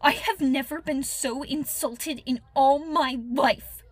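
A woman's voice: high-pitched, takes it slowly, dry recording. A woman playing a proud, hot-tempered schoolgirl in a period audio drama, speaking in trembling, wounded anger.

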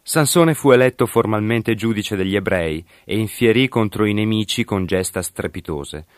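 Deep-voiced man narrating a story. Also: no room sound, clean studio sound. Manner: measured, formal storytelling. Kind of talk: scripted narration.

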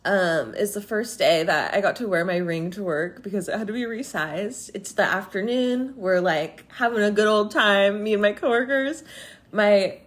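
A woman's voice: mid-range voice, moderate pace. A young woman co-hosting a podcast, telling stories in casual chat and laughing often. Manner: chatty storytelling, laughing often. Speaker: podcast co-host.

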